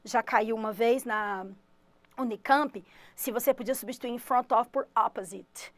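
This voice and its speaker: A woman's voice: on the high side, a little slow, no echo. A Brazilian woman teaching English in a studio, explaining grammar energetically to students in a live online exam-prep class. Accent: Brazilian Portuguese. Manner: energetic, emphatic, shifts between explaining and quoting students.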